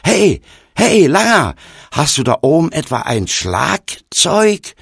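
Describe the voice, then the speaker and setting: A man voicing a burly, hot-tempered young man who shouts loudly. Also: on the high side, big pitch swings, takes it slowly, vocal fry, husky, no room sound, studio quality, pitched above the performer's own voice, exaggerated voice. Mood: mocking.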